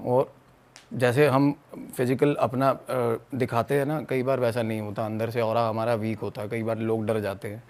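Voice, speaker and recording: A man from Punjab, a podcast guest telling a story in an animated way, slipping in English phrases and acting out quotes. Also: medium pitch, normal speed.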